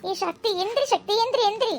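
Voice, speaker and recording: Woman doing a squeaky, bubbly cartoon girl. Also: expressive, fairly quick, a little hiss or hum. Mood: excited. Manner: bursting with news, squealing. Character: excited, bubbly teenage girl. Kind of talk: cartoon voice acting.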